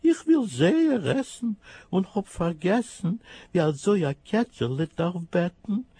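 A whiny hungry kitten. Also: male voice, sing-song, a little slow, dark tone, husky, dry recording, exaggerated voice. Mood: pleading. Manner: high plaintive mewing voice.

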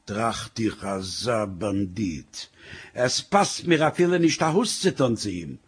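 A man's voice: medium pitch, sing-song, normal speed, husky. A man telling a comic story, full of wry "sag ich" asides.

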